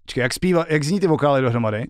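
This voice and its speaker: A man's voice: medium pitch, expressive, slight background noise. A male streamer at home, chatting casually and joking with a lot of swearing while he works out a song. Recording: loud guitar music behind the voice.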